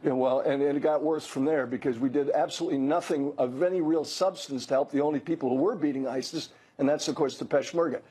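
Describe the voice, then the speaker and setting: A man's voice: fairly high pitch, quick pace, hardly any pauses, mellow, slightly rough, low-quality recording. An older man giving blunt, emphatic commentary as a guest on a news interview, often restarting his words. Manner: blunt, emphatic, self-correcting.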